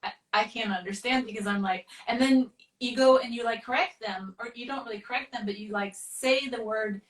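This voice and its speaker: A woman in her forties from California, an artist guest chatting casually in a halting, rambling way on a video call. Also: on the high side, distant mic. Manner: rambling, halting, laughs often. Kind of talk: casual interview chat. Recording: roomy, a bit off-mic.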